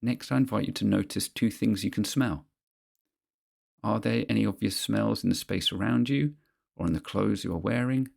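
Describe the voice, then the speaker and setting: Low, gravelly man guiding a mindfulness exercise. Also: darkish tone. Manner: measured, instructional, pausing between phrases. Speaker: guide of a therapeutic grounding exercise. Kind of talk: guided mindfulness exercise, scripted narration.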